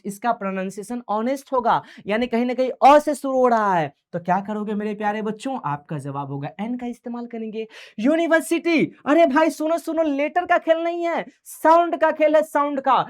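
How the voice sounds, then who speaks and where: A male teacher leads an online exam-prep grammar class in a familiar, coaxing tone. He keeps asking questions and answering them himself, and drops English grammar terms into his quick explanations. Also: very high-pitched, smooth.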